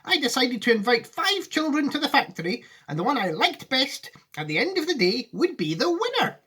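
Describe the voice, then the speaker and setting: A man reading a storybook aloud, voicing an excitable, commanding old factory owner in an emphatic manner. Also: very high voice, fairly quick, husky, pitched above the performer's own voice, full character voice. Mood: earnest. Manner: emphatic, exclamatory.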